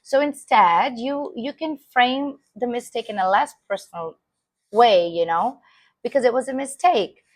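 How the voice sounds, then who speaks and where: A woman's voice: a little high, a little slow, no room sound. A woman who works with preschool teachers gives an informal talk on parenting, speaking earnestly with emphasis and acting out the phrases parents say. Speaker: early childhood educator.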